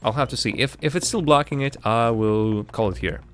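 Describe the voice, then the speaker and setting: A man giving casual, halting game commentary, thinking aloud and poking fun at himself, and speaking as a language. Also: medium pitch. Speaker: host of a game playthrough stream. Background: game music.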